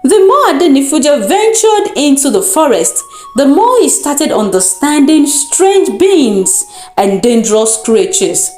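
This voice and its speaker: A Nigerian woman storyteller tells a folktale in a fairly high, very animated voice, taking her time and shaping the narration with deliberate, dramatic expression. The recording has a roomy echo with music underneath.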